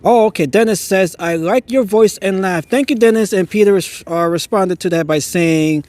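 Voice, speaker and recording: A live-stream host touring holiday lights speaks at a moderate pace in a voice that sits high yet has a darkish tone, with no room sound. Outdoors on a neighborhood street at night, he narrates casually in awe, chuckling frequently and stammering at times. He uses a phone mounted on a handheld gimbal.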